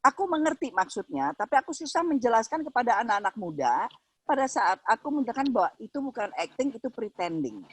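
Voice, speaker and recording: Woman host, husky lively voice, keeps saying yes yes, dry sound. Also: on the high side, fast, no echo. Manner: frequent short agreeing replies. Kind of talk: casual interview.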